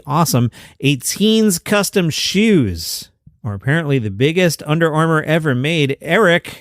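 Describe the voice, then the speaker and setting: A man's voice: on the high side, no room sound. Jokey male news host, dry sound. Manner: chatty, jokey asides. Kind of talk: upbeat news roundup reading.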